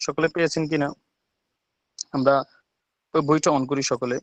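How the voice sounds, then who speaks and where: A man's voice: on the high side, fairly even intonation, no room sound, muffled recording. A man teaching an online English class from a village home over his phone, often checking with "ঠিক আছে?". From Bangladesh. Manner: quick, repeats "ঠিক আছে?" to check students.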